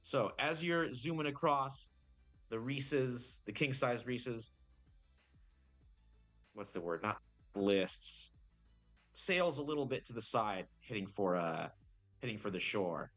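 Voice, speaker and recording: A man's voice: mid-range voice, animated, slow, long pauses, a bit bright, soft background music. A man acting as game master, narrating a tabletop game in a rambling, improvised way, full of fillers and self-corrections.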